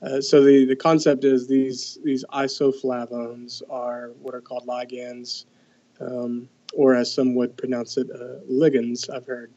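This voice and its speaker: Dark-voiced man explaining research, halting. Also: medium pitch, little pitch movement, muffled recording. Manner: hesitant, many fillers and restarts. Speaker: guest researcher. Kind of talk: conversational expert explanation.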